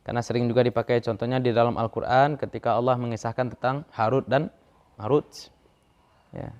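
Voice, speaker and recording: A man's voice: medium pitch, steady tone, fairly quick, darkish tone, muffled recording. Man teaching Arabic grammar in class. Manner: chants verb conjugations, jokes about dialects. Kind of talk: classroom lecture.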